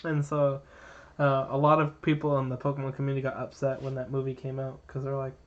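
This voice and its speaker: A man's voice: medium pitch, completely flat delivery, quick pace, slight background noise. A man co-hosting a live game stream who rambles through trivia explanations, full of uh and um. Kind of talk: casual chat and trivia explaining. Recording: dull lo-fi mic.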